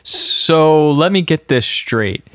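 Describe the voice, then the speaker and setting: A man's voice: a little high, expressive, takes it slowly, clear, resonant tone, dry recording. A man co-hosting a podcast in casual chat, dry and teasing, reading out old notes. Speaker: podcast co-host.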